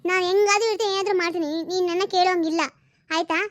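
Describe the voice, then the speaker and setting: A woman's voice: very high-pitched, fairly even intonation, rapid-fire, no echo. A woman voicing a vain, defiant married elder daughter in a cartoon family drama. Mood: angry. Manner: defiant, sulky.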